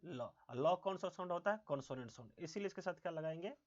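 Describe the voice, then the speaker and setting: A male English teacher giving a grammar lesson, asking quiz questions and answering them himself, repeating key words slowly. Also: on the high side, expressive. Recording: dull lo-fi sound.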